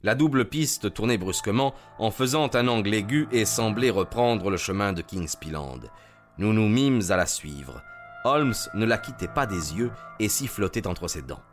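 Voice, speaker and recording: Expressive male audiobook narrator. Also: on the low side, faint music behind. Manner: expressive, measured storytelling. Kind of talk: scripted narration of a classic detective story.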